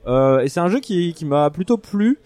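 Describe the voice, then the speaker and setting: A man's voice: a little high, expressive, normal speed, a little mellow. A man giving a casual board game review as a podcast panelist, searching for his words as he explains.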